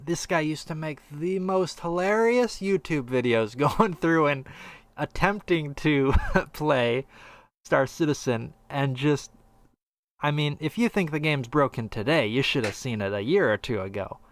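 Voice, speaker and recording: A podcast co-host in a casual, opinionated gaming discussion, this man rambles a bit and hesitates, leaving thoughts half-finished. His voice is a little high, with lively intonation and a measured pace.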